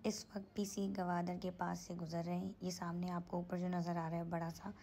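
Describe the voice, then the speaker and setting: A woman's voice: lowish voice, little pitch movement, brisk, dark tone. A woman narrating her own travel vlog, pointing out the sights to her viewers along the way. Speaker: travel vlogger.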